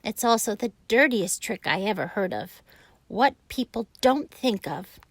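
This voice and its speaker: A woman voicing a wise, kindly female spider with a sweet, measured and brisk way of speaking, a bit higher than her own voice. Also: expressive, no echo. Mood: firm. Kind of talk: storybook reading.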